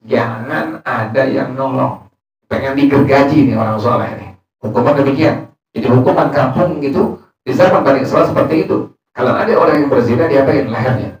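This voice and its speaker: A man's voice: medium pitch, normal speed. A man teaching a religious study session, reading Arabic lines and explaining them in casual speech. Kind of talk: Islamic study sermon. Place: prayer room. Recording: echoey room, distant mic.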